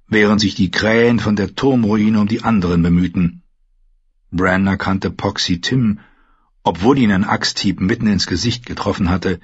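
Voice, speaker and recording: Low, husky male audiobook narrator. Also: dry recording. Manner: even, steady storytelling. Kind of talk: scripted fantasy narration. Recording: slightly muffled, dry recording.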